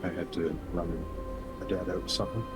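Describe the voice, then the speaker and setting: A man's voice: sits low, steady tone, fast talker. A man chatting casually as a player in a tabletop game. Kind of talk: casual chat. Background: music.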